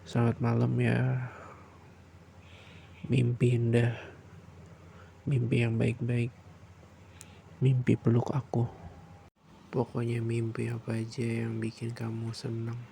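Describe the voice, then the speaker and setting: A man doing a soft, soothing bedtime boyfriend roleplay in a close, intimate way, sometimes slipping into a breathy whisper. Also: mid-range voice, completely flat delivery, slow pace, pauses often, a little hiss or hum.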